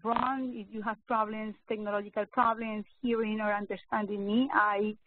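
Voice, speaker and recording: A woman in her fifties, a neurologist giving an educational webinar talk, speaking slowly and hesitantly with many fillers and restarts. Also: mid-range voice, level tone, no room sound. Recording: narrow phone-like webinar audio, dry.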